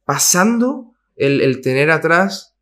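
A man's voice: fairly high pitch, sing-song, slow, fairly bright tone. A man from Cádiz, a singer-songwriter guest talking casually and emphatically in an interview, full of slang and mild swearing. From Cádiz, Spain.

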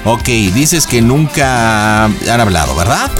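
Lively radio prank host, man. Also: mid-range voice, slow, over music. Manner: playful, teasing, goes loud when playing the rowdy lover. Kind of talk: radio prank call banter.

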